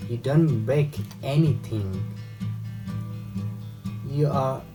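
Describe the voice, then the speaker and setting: Slow, reflective male narrator. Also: medium pitch. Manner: slow and measured, building an image step by step. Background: guitar music.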